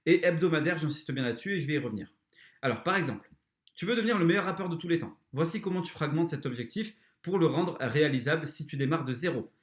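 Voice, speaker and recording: Brief: male podcast host, slightly high voice, blunt and crude motivational talk, echoey room. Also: lively intonation, quick pace. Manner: blunt, crude, talks straight to the listener. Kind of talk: motivational self-help talk.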